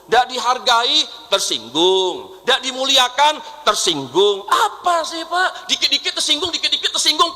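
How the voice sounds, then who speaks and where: Bright high-voiced young preacher, reverberant hall. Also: male voice. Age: young adult. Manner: lively preaching, repeating phrases, mimicking voices in quoted dialogue. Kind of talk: mosque sermon to a congregation. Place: mosque.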